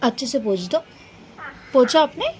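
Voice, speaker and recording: A woman's voice: high-pitched, expressive, normal speed, a crowd in the background. A woman vlogger at home, talking in a coaxing, questioning way with her small child and then to her viewers. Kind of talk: casual home vlog. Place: home in an apartment building.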